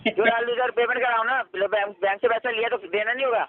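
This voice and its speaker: A man's voice: extremely high pitch, fairly even intonation, quick pace. A man working as a loan recovery agent on a phone call, pressing a customer for payment and repeating his demands. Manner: pushy, repeats demands insistently. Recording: tinny phone line.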